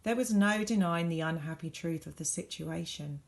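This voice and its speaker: A woman with a lowish, gravelly voice reads a children's storybook aloud the way a teacher would, using dramatic, varied emphasis and deliberate pauses.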